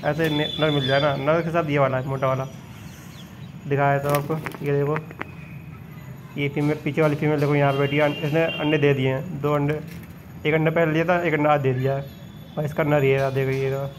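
A man's voice: a little high, level tone, normal speed, background noise. A man vlogging from his rooftop pigeon loft, chatting to viewers as he points out his birds, filmed on a handheld phone. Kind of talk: casual filmed walkthrough.

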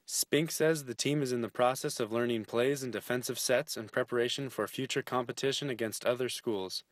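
A man's voice: medium pitch, dry recording. Male reporter with a dry close voice. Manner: measured reporter narration. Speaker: student news reporter. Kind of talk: scripted news report voice-over.

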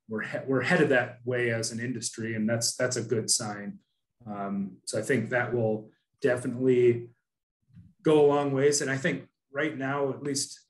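A man in his thirties speaking earnestly on a video call from an office, with many restarts and fillers. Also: medium pitch. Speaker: panelist from an asphalt producer. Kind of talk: casual webinar discussion. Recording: roomy video call audio.

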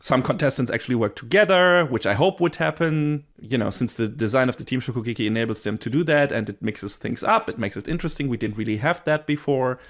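A man in casual podcast chat, reviewing with bubbly enthusiasm. He rambles and restarts his sentences often, piling up thoughts as he goes. His voice sits at an ordinary middle pitch. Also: fast, hardly any pauses, a bit bright. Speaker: podcast co-host reviewing anime.

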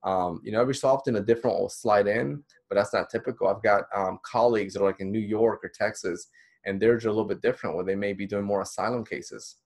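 A man's voice: lowish voice, fairly even intonation, quick pace. A man in his thirties, a counselor from the Dominican Republic, giving a casual, encouraging recorded lecture with many fillers. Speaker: counselor teaching a course. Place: small indoor room.

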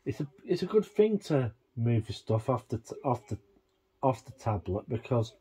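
A man vlogging a casual tech walkthrough, thinking aloud in a halting, rambling way. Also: medium pitch, sing-song, mellow, breathy edge, low-quality recording.

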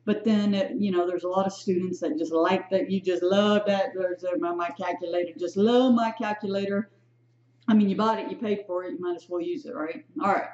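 A woman's voice: on the low side, dark tone. A woman teaching a statistics lesson in a chatty, self-correcting way, often checking in with "right?" and "okay?". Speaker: statistics instructor. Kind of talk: recorded lecture walkthrough. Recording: echoey, dull lo-fi room sound.

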